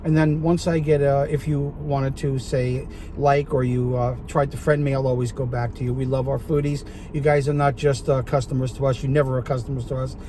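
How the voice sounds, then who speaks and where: A man's voice: medium pitch, flat delivery, fairly quick, few pauses, mellow, slight background noise. A man with a Brooklyn accent, chatting casually as an interview guest and telling stories in a car. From Brooklyn, New York. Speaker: guest chef and TV product presenter. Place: inside a parked car.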